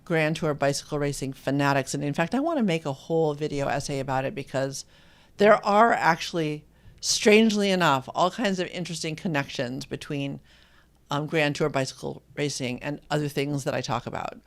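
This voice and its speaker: A host in their fifties, from Indiana, chatting casually on a live stream and reading viewer comments aloud, with frequent pauses and ums. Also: medium pitch. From Indiana, USA. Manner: rambling and hesitant, with many ums, reads viewer comments aloud.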